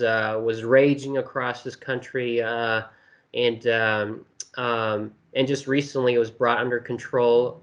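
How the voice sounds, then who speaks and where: A man from China, a guest in an interview, explaining things casually with many pauses and restarts. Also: mid-range voice, a bit bright. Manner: hesitant, many fillers and restarts.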